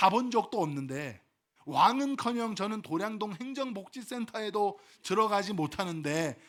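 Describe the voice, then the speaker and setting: A male pastor preaching a sermon and leading his congregation in call-and-response, swinging from loud exhortation to soft asides. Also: high voice.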